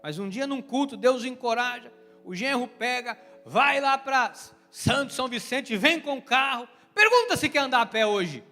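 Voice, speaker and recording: A man with a Brazilian Portuguese accent, a bishop preaching a passionate sermon with emphatic swings between loud and soft delivery, in a church sanctuary. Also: very high-pitched, animated, normal speed. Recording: reverberant church hall with soft music.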